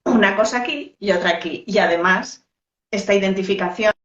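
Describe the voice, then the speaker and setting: A woman co-hosting a relaxed talk on storytelling, tossing in playful, ironic asides. She comes through a video call, so her voice sounds roomy, echoey and slightly dull. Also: medium pitch, a little fast. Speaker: co-host. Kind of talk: casual chat about storytelling. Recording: echoey, muffled call audio.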